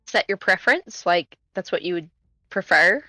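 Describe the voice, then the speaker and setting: A woman's voice: lowish voice, animated, normal speed, bright, forceful tone, no echo, soft background music. A woman chatting casually as a player in a tabletop game.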